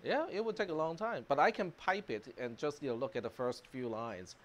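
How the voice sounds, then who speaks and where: A man who grew up speaking Cantonese gives a university computer science lecture in a classroom, his voice slightly high and his pace a bit quick. He keeps it relaxed and chatty, full of fillers and the occasional chuckle.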